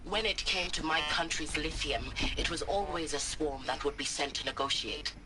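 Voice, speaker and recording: An actress playing a haunted scientist and war veteran who speaks in a reflective, quietly intense way in a game. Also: female voice, sits low, normal speed, very noisy, lightly acted. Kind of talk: game voice acting. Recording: game audio with music behind.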